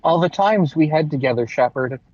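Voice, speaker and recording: A man's voice: a little high, expressive, moderate pace, darkish tone. A man in casual, joking chat on a game stream, his voice muffled as if through a wall from inside a car. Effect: muffled, dull sound, as if through a wall.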